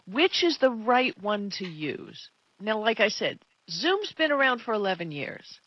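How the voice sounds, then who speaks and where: A woman's voice: mid-range voice, big pitch swings, a little slow, no echo. Woman talk host, dry, dull-sounding recording. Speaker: tech radio co-host. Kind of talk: casual opinionated tech talk.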